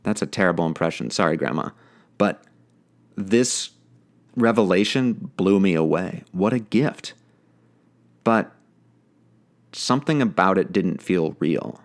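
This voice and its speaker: A man narrating his podcast in a reflective, personal, plainspoken way. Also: sits low. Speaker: podcast host.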